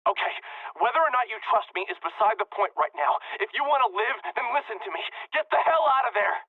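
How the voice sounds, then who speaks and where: An actress playing a bossy unseen guide in a video game, blunt and insistent, through a radio-like filter. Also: female voice, on the high side, animated, fast talker, dry recording. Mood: exasperated, urgent. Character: bossy unseen guide speaking into the heroine's head. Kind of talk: anime-style video game acting. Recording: thin phone-like band, distant.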